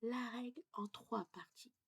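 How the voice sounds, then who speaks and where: A woman teaching French pronunciation in a casual lesson, explaining step by step, often dropping to a breathy half-whisper and checking in with "ok?". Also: a little high. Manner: slow, deliberate delivery.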